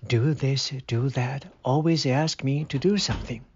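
Male reader doing an elderly stubborn farmer in a storybook, raspy and gravelly, muffled lo-fi sound. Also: medium pitch, unhurried. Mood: complaining. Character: old grieving farmer, stubborn and sharp-tongued.

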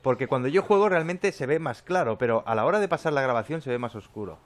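A man's voice: mid-range voice, animated, fast talker. Jumpy, swearing gamer man. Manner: jumpy, swearing, yelping when frightened. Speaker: gameplay commentator. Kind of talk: let's play commentary.

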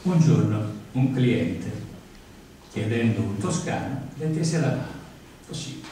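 A man reading poems aloud at a book event, reciting in a theatrical way with big swings in pitch and volume. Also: animated, unhurried, warm tone, slight background noise. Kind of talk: poetry recitation. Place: event hall. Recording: echoey hall, mic far away.

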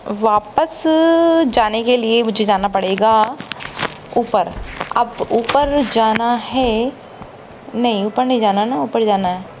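A woman talks her way through a horror game in a casual, chatty stream. Her voice sits slightly high, and she teases the ghost with playful, mock-frightened asides. A faint hiss runs under the recording. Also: slow. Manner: chatty, teasing the ghost, mock-scared exclamations. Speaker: gaming streamer. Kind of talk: casual let's-play commentary.

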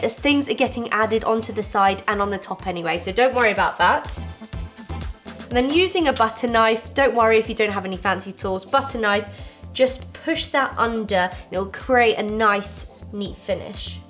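A young woman talks viewers through a cake recipe in her home kitchen, her voice on the higher side. She keeps her instructions friendly and reassuring. Soft music plays quietly under her voice. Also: animated, moderate pace. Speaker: baking show host. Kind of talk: step-by-step baking tutorial. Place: home kitchen with fairy lights.

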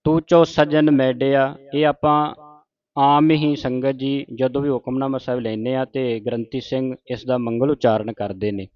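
A man giving a religious lesson on correct pronunciation, reciting each verse slowly and deliberately before explaining it. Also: mid-range voice, little pitch movement, dry recording, dull audio. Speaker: Gurbani teacher.

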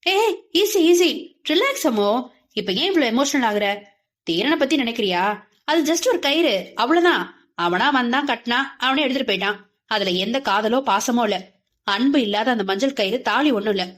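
A woman's voice: on the high side, animated, moderate pace. A woman voicing a young male college friend who teases and scolds bluntly. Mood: scolding. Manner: teasing, scolding banter.

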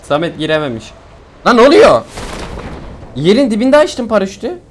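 A young man from Turkey giving excitable, joking commentary while he streams a game, complaining loudly and then muttering low. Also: moderate pace. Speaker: gaming streamer. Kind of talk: casual gameplay commentary. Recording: faint game noise and gunfire behind.

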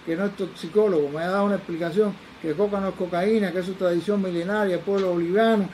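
A man's voice: high voice, steady tone, quick pace, a little mellow, slight background noise, poor audio. An older man with a Cuban accent, a forensic toxicologist telling his own stories with animation and acting out the people he quotes. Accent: Cuban Spanish. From Cuba. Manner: acts out the voices of people he quotes. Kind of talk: animated personal storytelling.

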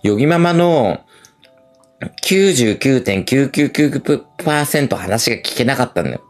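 Camp middle-aged man, lively swooping delivery. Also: mid-range voice, moderate pace. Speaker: livestreamer. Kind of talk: casual livestream chat.

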